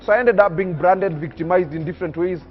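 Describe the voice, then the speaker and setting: A young public speaker from Kenya, nineteen years old, is interviewed on TV and shares his life story in earnest. His high-pitched voice moves at a quick pace with an emphatic, oratorical, preacher-like rhythm. The audio is dull.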